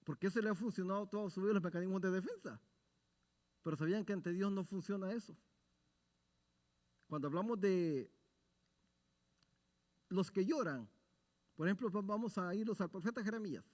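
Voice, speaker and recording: A man's voice: high voice, normal speed, pauses often, a little mellow. A man teaching a Bible study sermon in an earnest, exhorting tone, asking his listeners rhetorical questions and answering them himself. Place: church sanctuary. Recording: long reverb of a church hall.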